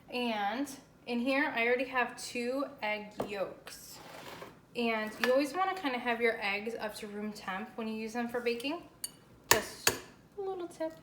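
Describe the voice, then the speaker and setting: An American woman with a fairly high voice hosts a chatty, informal cooking demonstration. She sounds chirpy and enthusiastic. The room is clearly echoey, with faint noise behind her. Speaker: host of a home baking show. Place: indoors, home kitchen.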